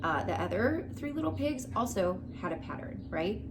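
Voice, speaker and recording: In her small living room, the young teacher leads a children's story lesson and quizzes her listeners. This time her medium-pitched voice swings widely in pitch at a moderate pace. A camera a short distance away picks it up along with background noise.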